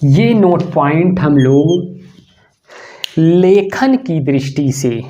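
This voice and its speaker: A man with a Hindi accent teaching a grammar lesson, dictating slowly, one word at a time, with long pauses. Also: a little high, lively intonation, dark tone, muffled recording, a little hiss or hum. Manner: slow, drawn-out dictation with long pauses between words.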